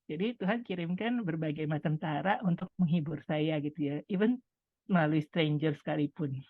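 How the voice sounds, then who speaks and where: A woman's voice: deep voice, moderate pace, no echo. A middle-aged woman giving a chatty, conversational personal testimony, talking to her listeners like friends. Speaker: speaker sharing a testimony. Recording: tinny phone-like line, dry sound.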